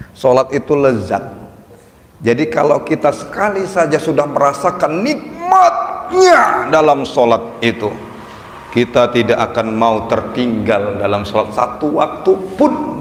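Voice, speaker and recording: A man preaching to a women's study group, animated and often rising to shouts, drawing out recited prayers slowly and asking his listeners direct questions. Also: medium pitch. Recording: roomy hall reverb with faint background noise.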